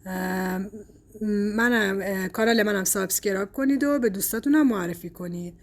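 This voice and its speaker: A woman from Iran teaching Chinese pronunciation in a casual lesson, pausing often with "uh" and stretching example words out slowly. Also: mid-range voice. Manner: explains slowly, with frequent "uh" fillers.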